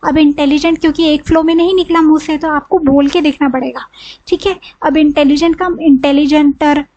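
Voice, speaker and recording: A woman's voice: sits high, darkish tone, dull audio. A woman with an Indian accent teaching a grammar lesson, asking questions and answering them herself step by step. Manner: explains step by step, asks and answers her own questions, says "ठीक है" often.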